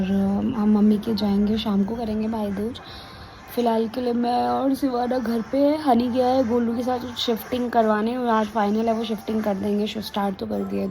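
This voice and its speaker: Woman, casual family vlog, relaxed chat at home, somewhat high voice, faint music behind. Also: rough recording. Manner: relaxed, mixes English into her chat. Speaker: vlogger.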